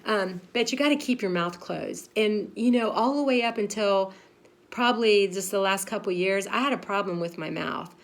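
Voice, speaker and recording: At medium pitch and a normal pace, a pastor's wife in her fifties gives a frank, chatty devotional talk. She fills it with fillers and keeps laughing at herself.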